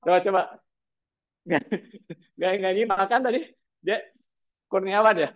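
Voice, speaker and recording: A man's voice: sits high, fairly even intonation, measured pace. A man lecturing a university class, prodding students with repeated teasing questions. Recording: tinny phone-like sound.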